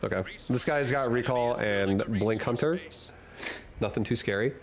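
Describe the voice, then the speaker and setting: A male game streamer talks casually on a live stream while gaming in a hot room at home, rambling and joking, reading chat aloud and laughing a lot. His voice is medium-pitched at normal speed, with a little hiss or hum.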